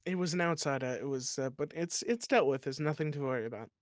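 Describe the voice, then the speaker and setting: A man's voice: on the high side, fast talker, no room sound, clean studio sound. Earnest man role-playing his character. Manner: earnest, slightly formal speech. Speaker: player. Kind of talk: in-character tabletop role-play.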